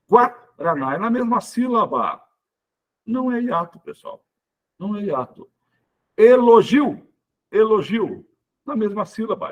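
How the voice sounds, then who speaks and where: Male teacher, husky voice with lively pitch swings, stresses each example word and keeps checking in with students. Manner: explains step by step, checks in with "tá?" and "certinho?". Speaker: Portuguese teacher. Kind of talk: exam prep lesson.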